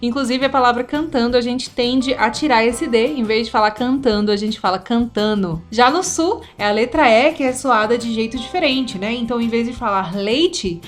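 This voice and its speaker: A woman with a Brasília accent teaches a video lesson in a high voice. She talks straight to the viewer in a conversational way and keeps asking them questions. Faint music plays behind her. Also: normal speed, few pauses. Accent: Brasília Brazilian Portuguese. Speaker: English teacher.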